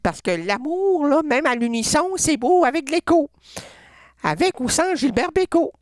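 A performer voicing an excitable, rambling female caller with a Quebec French accent in a comedic radio sketch. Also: high-pitched, normal speed, no echo, studio quality, voice pushed up. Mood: gushing. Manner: gushing, giggly, rambling.

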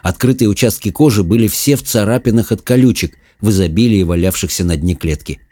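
A man reading an audiobook in an even, measured manner. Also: fairly low pitch, dry recording. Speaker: narrator. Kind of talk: audiobook narration.

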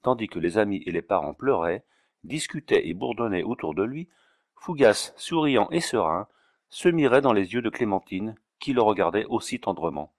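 A man with a low voice narrates a classic novel in measured, expressive sentences. The recording is close-miked and completely dry, with no room sound. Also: no echo. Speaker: audiobook narrator.

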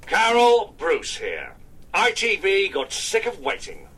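A woman's voice: mid-range voice, huge pitch swings, slow pace, fairly bright tone, a little hiss or hum, voice pushed down, heavily acted. A woman putting on a blunt scornful agent on voicemail. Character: curt female TV agent on voicemail.

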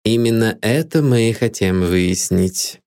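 A man's voice: mid-range voice, animated, unhurried, darkish tone, voice pushed up, close to an everyday voice. Man reading a dry, probing lawyer. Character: dry, sharp male lawyer.

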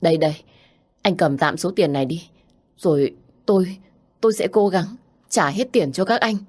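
A woman's voice: mid-range voice, lively intonation, moderate pace, voice pushed up, close to an everyday voice. A woman voicing a worn-out young daughter who speaks in an anguished, raised voice. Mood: pleading.

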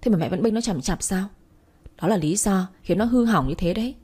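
A woman voicing a stern, angry middle-aged father who shouts and scolds, in a Vietnamese audio story. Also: mid-range voice, animated, brisk, breathy edge. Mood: angry scolding.

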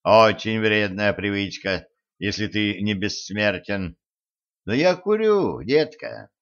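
A man reading a stern, sarcastic immortal man who speaks slowly and low, with dry humor. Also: expressive, fairly bright tone, dull audio. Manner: slow, low, dryly mocking.

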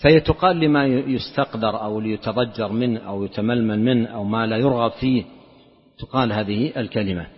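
A man giving a religious lesson, explaining a narration in a measured way and often repeating or restarting words. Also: lowish voice. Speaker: Islamic scholar teaching a lesson. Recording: dull lo-fi lecture recording with long hall reverb.

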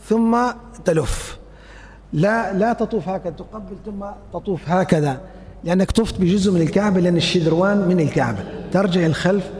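A man's voice: a little high, a little mellow. A man giving a religious lecture, demonstrating steps and asking and answering his own questions. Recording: long hall reverb.

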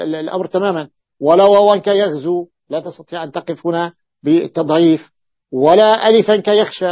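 A man's voice: fairly high pitch, dry recording. Dull lo-fi recording of a male teacher lecturing. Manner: repeats points and checks understanding with quick questions; reads quoted text slowly, then explains it. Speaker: religious teacher. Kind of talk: explanatory classroom lecture.

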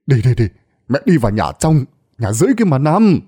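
A man voicing a fat, drunken middle-aged son who scolds his mother loudly and impatiently. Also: mid-range voice, big pitch swings, brisk, husky. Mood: scolding.

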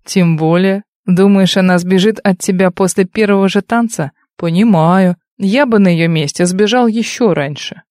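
A woman's voice: medium pitch, moderate pace, hardly any pauses, a little mellow, no room sound, studio quality, lightly acted. A woman voicing a smug young man who talks down to others with sneering condescension in an audiobook. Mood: mocking. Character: smug mocking young man, old rival.

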